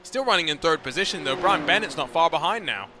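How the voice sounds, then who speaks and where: A man with a slightly high, expressive voice commentates a sim race live, chatting and joking with his co-commentator in a chatty, quick-witted way. The commentary mic is noisy.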